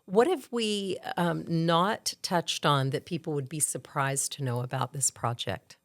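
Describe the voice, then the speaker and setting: A woman's voice: low voice, measured pace. A woman with an Appalachian accent hosting a conversational interview. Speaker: interview host.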